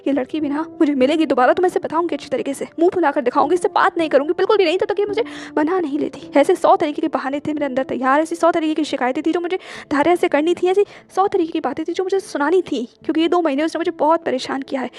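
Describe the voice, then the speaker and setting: A woman storyteller narrating an emotional audiobook romance, speaking in the first person and acting out a tense phone call, with hesitant, stammering pauses. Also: sits high, a little mellow. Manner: emotional, voices both friends with hesitant stammers.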